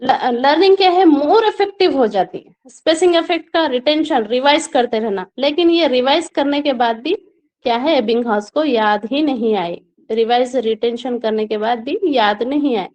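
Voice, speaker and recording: High-voiced woman teaching online. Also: normal speed, a little mellow. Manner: explains step by step with frequent check-in questions to viewers. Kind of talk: online exam-prep lecture.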